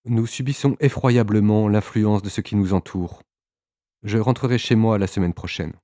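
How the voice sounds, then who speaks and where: A man narrating a literary audiobook in a measured way, with occasional small hesitations. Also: on the low side, warm tone, no room sound, clean studio sound.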